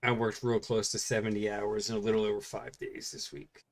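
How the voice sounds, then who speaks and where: A man's voice: fairly low pitch, brisk. Tired man in laid-back chat. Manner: relaxed, rambling, with fillers. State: tired, yawning. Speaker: co-host. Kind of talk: casual late-night chat.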